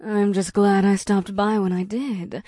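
A man voicing an affectionate, gently teasing succubus woman in a spoken story, lifting his voice high and soft. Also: flat delivery, unhurried, no room sound, studio quality.

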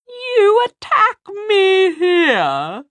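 A shrill, hissing demon woman , as a woman puts her on, bitter and proud, stretching out each scornful word. Her thin voice jumps far above the reader's own, and it sits close and dry. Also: huge pitch swings, dry recording, heavily acted. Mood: mocking. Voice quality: high and thin. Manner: slow, drawn-out, hissing. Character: shape-changing female demon, bitter and proud.

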